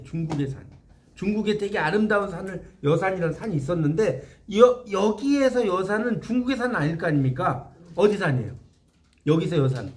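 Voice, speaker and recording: High, lively man lecturing a class. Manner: animated, questions the class often and explains line by line. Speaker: literature lecturer.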